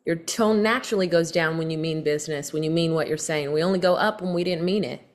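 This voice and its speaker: A woman leads a sales training session. Her voice sits fairly low, and she speeds up and slows down on purpose to show what she teaches. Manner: coaching, switches pace on purpose to demonstrate. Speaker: sales coach. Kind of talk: training talk on a call.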